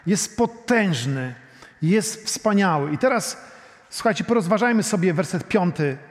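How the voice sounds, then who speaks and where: High-voiced preacher in a reverberant hall. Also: male voice. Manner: swings between soft, intimate prayer and loud, emphatic preaching; addresses the congregation directly, often saying "you know". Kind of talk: sermon.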